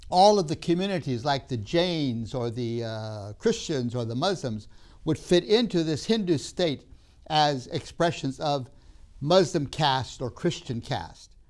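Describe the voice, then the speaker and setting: A recorded seminary lecture features an older man who grew up in Tanzania, his voice on the high side. He speaks in measured, emphatic phrases, with pauses, "uh"s and restarts throughout.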